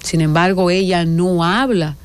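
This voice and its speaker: Speaking as a political commentator, this woman from the Dominican Republic gives a forceful, indignant monologue, hammering home her views. Her voice is on the low side and smooth, with a Dominican Spanish accent.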